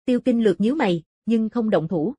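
A woman narrates a martial-arts fantasy novel in a dark, mellow tone. Her voice is husky and soft at the edges, and the sound is very dry, with no room around it. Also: on the high side, lively intonation, fast, no room sound. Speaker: audiobook narrator.

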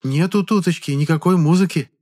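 A man's voice: on the high side, steady tone, brisk, pitched above the performer's own voice, lightly acted. A man voicing a chatty, sly elderly peasant widow who talks in a folksy sing-song.

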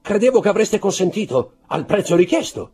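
A man voicing a greedy, excitable male innkeeper who shouts eagerly in an audiobook. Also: high voice, brisk, husky, voice pushed up, heavily acted. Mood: indignant.

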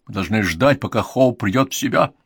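A man's voice: fairly low pitch, lively intonation, a little fast, vocal fry, a bit bright, slightly rough, no room sound, studio quality, exaggerated voice. A man voicing a stern Victorian lord who gives commands. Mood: commanding.

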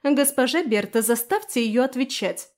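A woman voicing a haughty, spoiled young noblewoman who talks in a sneering, shrill way. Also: lively intonation, normal speed. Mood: demanding.

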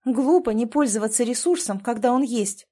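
A woman's voice: on the high side, animated, normal speed, dark tone. A woman reading an audiobook and voicing a strong-willed woman who argues insistently, with a steely edge in her voice. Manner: insistent, pleading and emphatic. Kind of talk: audiobook character voice.

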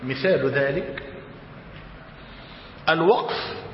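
Speaking in a fairly high, lively voice, an Egyptian-accented man gives a religious lesson, dictating slowly, repeating every phrase and testing his students. It was captured in a dull, echoing hall with a faint hiss.

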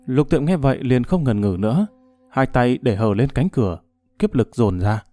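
A man narrating a martial-arts novel as an audiobook, in a steady, even storytelling manner. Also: medium pitch, normal speed, dry recording.

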